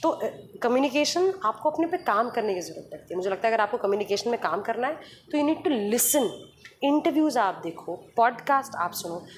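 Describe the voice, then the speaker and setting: Slightly high-voiced woman explaining patiently. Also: sing-song, fairly quick, slight background noise. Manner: explains patiently with examples, mixes in English phrases. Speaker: radio jockey guest. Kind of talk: podcast interview conversation.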